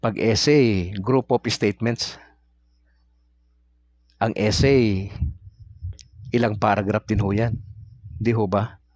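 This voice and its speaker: A man's voice: lowish voice, fairly even intonation, slow, long pauses, a little mellow, no echo. A Filipino man teaching religion in a casual, conversational way, often asking his audience questions. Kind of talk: casual talk-style teaching.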